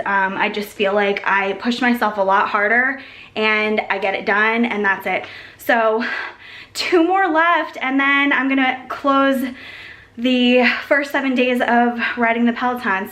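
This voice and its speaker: A woman's voice: a little high, sharp tone. Chatty upbeat woman vlogging, echoey room. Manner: chatty and upbeat, with many likes and ums. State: out of breath after exercise. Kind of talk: casual vlog talk to camera. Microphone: handheld camera.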